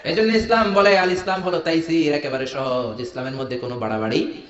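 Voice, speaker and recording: A man with a Bangladeshi Bengali accent preaching a sermon, jokey and animated, firing rhetorical questions at the crowd. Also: fairly high pitch, brisk. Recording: echoey hall, dull lo-fi sound.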